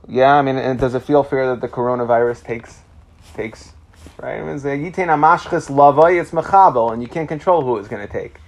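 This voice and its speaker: A man's voice: medium pitch, a little fast. A man giving an informal Talmud lesson in Yeshivish speech with Yiddish-inflected Hebrew pronunciation, reading phrases and explaining them as he goes. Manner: explanatory, checking in with "right?". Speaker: Torah teacher.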